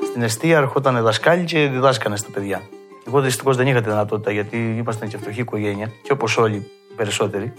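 A man with a Cretan accent, a mandolin player telling stories from his past and acting out old conversations in a lively way. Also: medium pitch, music in the background. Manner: lively storyteller who acts out past dialogue. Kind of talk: reminiscing storytelling.

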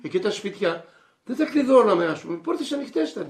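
An older man with a high, gravelly voice recalls the old days in earnest. He halts often and searches for words. His talk is full of fry. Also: sing-song, darkish tone. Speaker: interviewee. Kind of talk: nostalgic reminiscing.

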